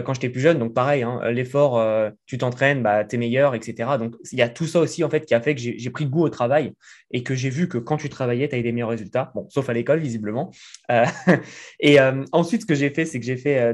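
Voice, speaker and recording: Speaking from his living room with a desk microphone in view, this guest entrepreneur is a French man in his thirties giving a casual, chatty interview full of fillers. He has a mid-range, slightly mellow voice.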